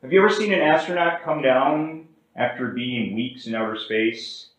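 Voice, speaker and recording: A man preaching a sermon as pastor, with big swings in pitch and volume and slow, drawn-out words for emphasis. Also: a bit bright, very echoey, low-quality recording. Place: church sanctuary.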